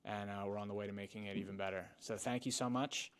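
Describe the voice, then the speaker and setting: A painting company owner giving an emotional, halting video testimonial, with restarts and fillers. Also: male voice, on the low side, steady tone, smooth.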